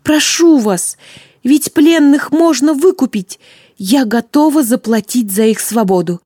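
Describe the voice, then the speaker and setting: A woman voicing a young heroine who pleads urgently, her voice raised high. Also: expressive, a little slow, mellow, no room sound, clean studio sound. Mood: pleading.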